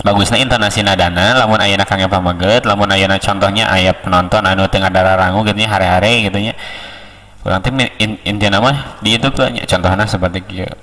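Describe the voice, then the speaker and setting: A man with a Sundanese accent giving a slow, unhurried, casual tutorial on how to deliver a sermon. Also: low voice, steady tone, fairly bright tone, big-room sound, far from the mic. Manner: slow, unhurried, with many pauses. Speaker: speech coach.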